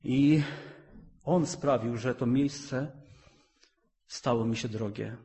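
A middle-aged man preaching a sermon, fervent and rhythmic, repeating phrases and rising to loud emphatic peaks. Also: mid-range voice, slow pace.

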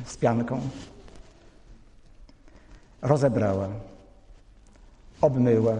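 A man's voice: medium pitch, warm tone. A man preaching a sermon, telling family stories in a chatty, anecdotal way and speaking straight to the congregation. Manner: conversational, anecdotal, addresses the congregation directly. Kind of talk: storytelling sermon. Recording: echoey hall reverb.

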